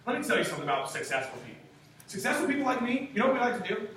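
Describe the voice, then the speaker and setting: A young man in his twenties coaching a sales team, his voice pitched high for a man and landing every point hard with rhetorical questions. He sounds distant from the mic in a very echoey room, with a faint hiss underneath. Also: big pitch swings, racing, fairly bright tone. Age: 20s. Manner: emphatic and punchy, rhetorical questions, casual swearing. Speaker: sales trainer. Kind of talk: motivational sales training talk.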